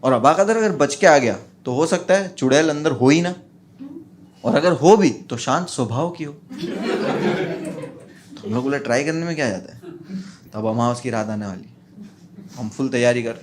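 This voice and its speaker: A man doing stand-up, telling a childhood story in an animated way and acting out his friends' voices. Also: mid-range voice, normal speed, long pauses, noisy background. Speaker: stand-up comedian.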